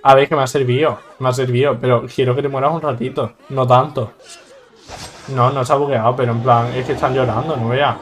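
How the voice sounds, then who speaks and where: A man with a Spain Spanish accent talks through a video game. He jokes, exclaims and laughs often in a mid-pitched voice. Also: steady tone, a little fast. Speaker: gaming YouTuber. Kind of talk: let's play commentary.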